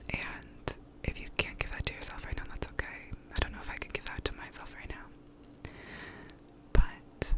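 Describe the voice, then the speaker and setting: Woman giving a whispered pep talk. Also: low-quality recording. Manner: whispering throughout, close up; reassuring, validating. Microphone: close to the mouth.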